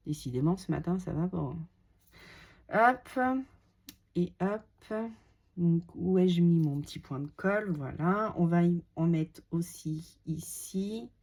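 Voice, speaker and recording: In a lowish, slightly mellow voice at a slow pace, a woman with a cold demonstrates a scrapbooking page. It's a relaxed craft tutorial where she talks while working and mutters self-deprecating asides to herself.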